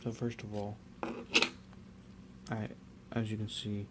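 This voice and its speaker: A young man casually talking through his hobby work, rambling and relaxed with many fillers and restarts. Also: lowish voice, slow pace, very noisy. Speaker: miniature painter.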